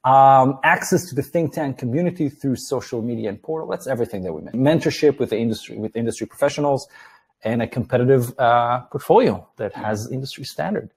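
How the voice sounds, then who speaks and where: A man's voice: mid-range voice, expressive, fairly quick, breathy edge. A man in his thirties hosting a webinar from a studio set, talking loosely with lots of fillers and restarts. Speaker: webinar host. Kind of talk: casual presentation. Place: studio set with a seated guest.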